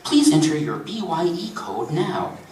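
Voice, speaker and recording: A man reads out a prim automated telephone menu that clips through its prompts and turns snide. The pitch swings lively across the lines. It rings through a roomy hall, picked up from some distance. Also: measured pace, slight background noise. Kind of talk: reading fiction aloud to an audience. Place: convention reading room.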